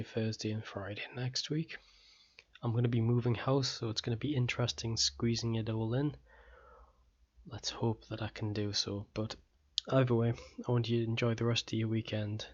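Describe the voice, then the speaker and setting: A man teaching an online course, talking directly and practically in a relaxed way, his throat a little hoarse. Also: mid-range voice, highs cut off. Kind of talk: casual recorded lesson.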